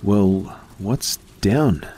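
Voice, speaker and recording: A man voicing an angry, drunk young woman who yells and taunts. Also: on the low side, drawn-out words, a little hiss or hum, voice pushed up. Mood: pressing. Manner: yelling, taunting.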